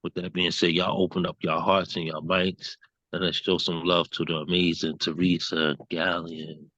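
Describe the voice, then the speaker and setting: A man hosting an online open mic, relaxed and hesitant with frequent ums, over a video call. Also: deep voice, normal speed, no room sound. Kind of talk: casual hosting. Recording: dull dry video call audio.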